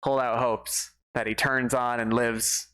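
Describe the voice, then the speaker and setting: A man's voice: medium pitch, little pitch movement, measured pace, bright, forceful tone, clear, resonant tone, low-quality recording. A man doing casual let's play commentary on a game stream, sometimes reading the dialogue aloud. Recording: game music behind. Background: game music.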